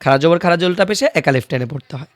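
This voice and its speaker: A fairly high-voiced man teaches a beginner's Quran reading class, sounding out each letter and vowel mark slowly and repeating it. The recording is close and dry, with no room sound. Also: animated, dry recording. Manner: patient, repeats each syllable slowly for students to follow. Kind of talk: online recitation lesson.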